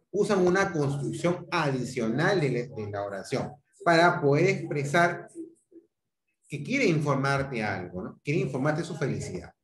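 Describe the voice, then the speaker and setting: A man with a Peruvian Spanish accent teaching a grammar class over a video call, explaining step by step and checking in with his students often. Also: a little high. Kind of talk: online grammar lecture. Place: home room on a video call. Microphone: computer mic on a video call. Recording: echoey room.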